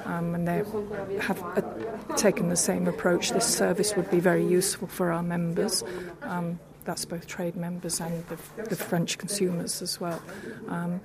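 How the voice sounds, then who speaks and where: Lowish-voiced woman at a noisy trade show. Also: level tone, measured pace, hardly any pauses. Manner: emphatic, repeats points. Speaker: interview guest. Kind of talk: casual interview. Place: busy exhibition hall. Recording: loud crowd noise behind.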